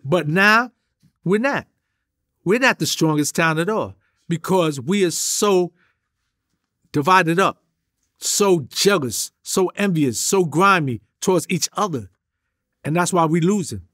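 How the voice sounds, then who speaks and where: A middle-aged New York man, guesting on an interview, tells street stories in a high-pitched voice with lively intonation, a bit bright. He talks a little slowly and pauses often, yet stays streetwise and emphatic, packing in slang and gesturing as he goes. The animated storytelling is recorded in an indoor studio with a drum kit.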